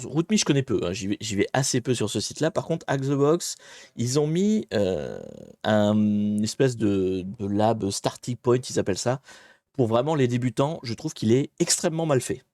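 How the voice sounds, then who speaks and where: Lively, rambling male stream host. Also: medium pitch, a little slow, no echo, studio quality. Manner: chatty, rambling, many hesitations; self-deprecating, greets viewers by name. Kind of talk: casual live-stream hacking tutorial.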